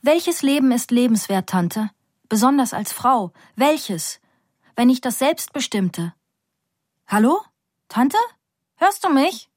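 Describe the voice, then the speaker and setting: A woman reading aloud as a fiery young student, pitched higher and speaking with urgent, excited defiance. Her proud, outspoken lines come in a dry, close recording with no room sound. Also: slow, long pauses, no echo, full character voice. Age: young adult.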